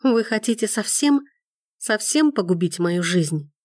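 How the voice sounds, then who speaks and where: A woman's voice: mid-range voice, expressive, measured pace, a little mellow, no echo, studio quality, pitched above the performer's own voice. A woman voicing a furious, hurt young woman who pleads near tears. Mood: pleading. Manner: impassioned, rising, near tears.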